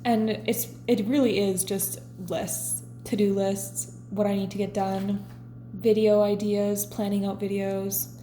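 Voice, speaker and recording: A woman in her twenties, chatting casually as a vlogger and reading her own diary entries aloud in a relaxed, confessional way. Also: medium pitch, measured pace, reverberant, soft background music. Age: 20s. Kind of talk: casual chat.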